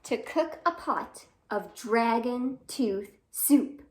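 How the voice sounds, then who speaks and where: This woman's voice sits a little high and has a darkish tone, yet it stays animated as she takes things slowly. Hosting storytime at a library, she reads expressively to young children, starts with a sung greeting, and peppers the story with exclamations and questions.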